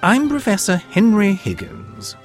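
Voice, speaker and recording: A man's voice: sits high, huge pitch swings, unhurried, faint music behind, voice pushed up, full character voice. A man voicing a self-assured male professor of phonetics who lectures in a confident, condescending way, in an audiobook reading.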